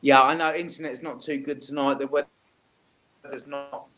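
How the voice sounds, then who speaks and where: A man being interviewed over a video call, his audio buffering and breaking up as he speaks in halting, repeated words. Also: mid-range voice, little pitch movement, a bit bright. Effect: choppy, breaking-up video-call audio with buffering stutters. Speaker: paranormal investigator guest.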